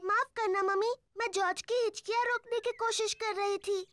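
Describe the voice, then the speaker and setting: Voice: very high voice, steady tone, moderate pace, fairly bright tone. A performer voicing a cheerful, bossy little girl piglet in a children's cartoon dub, exclaiming in a childlike way. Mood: earnest. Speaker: cartoon voice actor.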